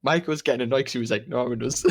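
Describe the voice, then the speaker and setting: Animated young Englishman telling stories. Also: mid-range voice, fast talker, breathy edge. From England. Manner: animated storyteller, laughs often, swears. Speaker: podcast co-host. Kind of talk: casual chat.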